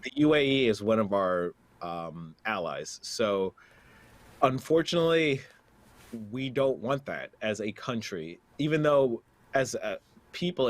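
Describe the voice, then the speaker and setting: A man co-hosting a podcast, reading a news item aloud and giving measured opinions in casual political talk. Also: on the low side. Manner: reads news aloud then comments, measured. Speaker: podcast co-host.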